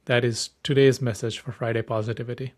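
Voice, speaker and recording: A man's voice: medium pitch, flat delivery, brisk, darkish tone. A young man from Nepal hosting a solo podcast, upbeat and enthusiastic, often restarting words mid-sentence. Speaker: podcast host.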